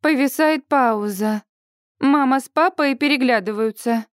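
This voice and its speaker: A woman with a fairly high voice reads a first-person audiobook aloud. Her delivery is lively and expressive. The recording is dry and close, with no room sound. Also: unhurried, smooth, no echo. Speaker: audiobook narrator.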